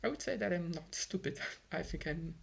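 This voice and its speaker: This young Brazilian vlogger sounds animated, his high-leaning voice creaky with a breathy edge at a moderate pace. Filmed at home in Ireland, his casual monologue in Brazilian-accented English, his first language being Portuguese, is frustrated and rambling, full of fillers and restarts.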